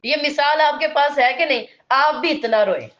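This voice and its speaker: A woman with a high, light voice gives a religious lesson on the Quran. She leans on repetition to drive each point home and mixes explanation with storytelling. The sound is dull and lo-fi, like a modest home recording. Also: a bit bright. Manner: emphatic, repeats words for stress. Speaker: Quran teacher.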